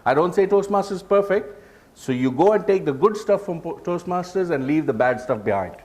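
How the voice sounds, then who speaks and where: A man presenting a public speaking workshop, lively and joking with the audience. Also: high voice, brisk. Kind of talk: live workshop talk.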